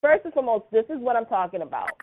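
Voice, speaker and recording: A woman's voice: fairly high pitch, sing-song, rapid-fire. A woman hosting a podcast, chatting casually through a soap opera recap, full of "like" and "you know". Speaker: podcast host. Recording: tinny phone-like sound.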